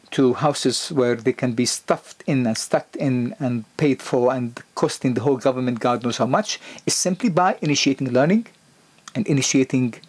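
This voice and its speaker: In this explanatory lecture video, a husky-voiced man speaks about health with real emphasis. He stumbles into frequent restarts and fillers, and his pitch jumps up whenever he hits an important point.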